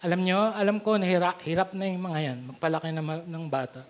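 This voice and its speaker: A middle-aged man with a Filipino accent, preaching a sermon as pastor with animated storytelling. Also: sits high, fast talker. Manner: animated storytelling, switching between Tagalog and English.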